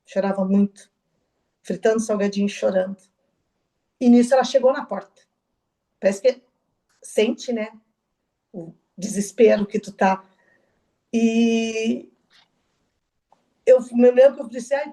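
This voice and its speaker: Middle-aged woman, interview guest; mellow, faintly high voice, halting testimony. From southern Brazil. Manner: halting, soft-spoken, with restarts and quoted dialogue. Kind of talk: personal testimony.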